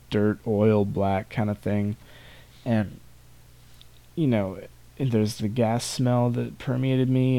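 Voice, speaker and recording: A man's voice: fairly low pitch, vocal fry, warm tone. A young man hosting a podcast alone, telling rambling, self-mocking stories about school and laughing now and then. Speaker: podcast host. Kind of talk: casual solo storytelling.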